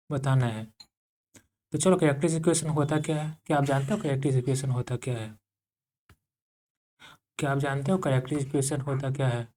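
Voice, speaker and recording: A man's voice: a little high, dark tone. A man teaching an electrical engineering class, asking the class questions and repeating key terms as he dictates notes. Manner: dictates slowly for note-taking.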